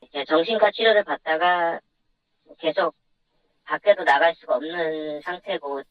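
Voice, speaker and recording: An anonymous interview guest whose voice is disguised with a deep pitch shift, giving a subdued, measured account. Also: lo-fi sound. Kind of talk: phone-in news interview.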